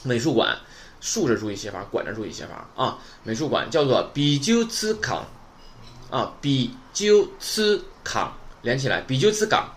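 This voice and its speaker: A man's voice: mid-range voice, big pitch swings, a little fast, a little hiss or hum. A man teaching Japanese vocabulary in a casual lesson, chatty and full of rhetorical questions.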